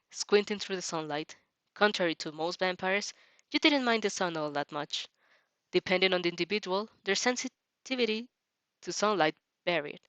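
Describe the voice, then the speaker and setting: A woman with a mid-range, fairly bright voice reads a fan fiction aloud as a host, reacting as she goes, in a lo-fi recording with no echo. She narrates informally, stumbling over words now and then and joking about it in casual asides.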